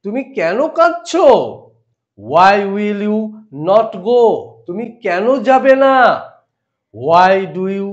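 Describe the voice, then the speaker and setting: High, slow-speaking Bengali-accented male teacher. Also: sing-song, highs cut off. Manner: slow, deliberate, spells out example sentences word by word. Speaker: English teacher. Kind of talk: grammar lesson.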